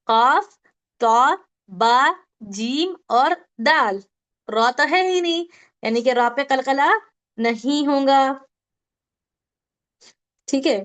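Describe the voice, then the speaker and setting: A woman teaching an online Tajweed class, drilling letter sounds slowly and quizzing her students. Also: sits high, fairly bright tone. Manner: asks the class questions and answers them.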